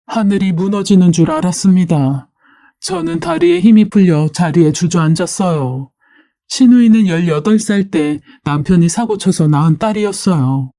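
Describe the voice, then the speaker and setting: A woman reads a personal story aloud in the first person, steady and even. Her tone is mellow and darker. The recording is dry and close. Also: lowish voice, normal speed, dry recording. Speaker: story narrator. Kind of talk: reading a listener's story aloud.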